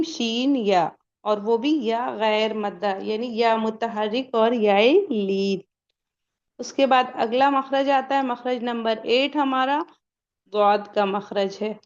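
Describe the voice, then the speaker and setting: A woman's voice: fairly high pitch, slow, highs cut off. A woman teaching a Quran pronunciation lesson step by step, asking and answering her own questions and stretching out sample sounds.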